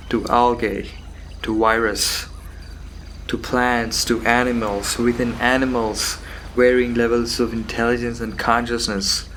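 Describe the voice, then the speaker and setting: A man giving a rambling philosophical monologue, musing haltingly with rhetorical questions and repeated phrases. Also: mid-range voice, a bit bright, poor audio. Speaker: solo host of a philosophical talk. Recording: background noise with insect and cricket sounds.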